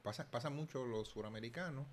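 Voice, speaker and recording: A man's voice: medium pitch, quick pace, a little hiss or hum. A young Puerto Rican man with a Puerto Rican Spanish accent, talking casually as a channel host and often restarting his words. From Puerto Rico. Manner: thinking aloud, frequent restarts and repeated words. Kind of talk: casual commentary.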